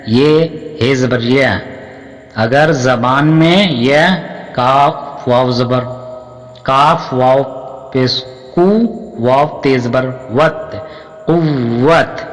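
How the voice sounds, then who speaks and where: A man teaching Urdu reading with a Pakistani accent, spelling each word out letter by letter, drawing out syllables and repeating each word. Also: medium pitch. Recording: long hall reverb.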